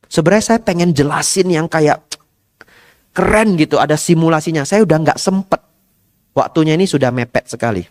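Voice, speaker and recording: A man giving a dharma talk as a Buddhist monk, asking his listeners rhetorical questions and mixing English phrases into his talk. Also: a little high. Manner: lively, asks the audience rhetorical questions.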